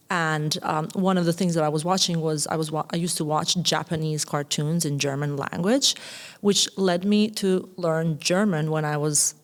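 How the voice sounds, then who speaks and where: A Kosovar woman in her thirties, with an Albanian accent and a notably low voice, reflects on her life as a podcast guest. She is thoughtful but hesitant, pausing often, searching for words and using many fillers.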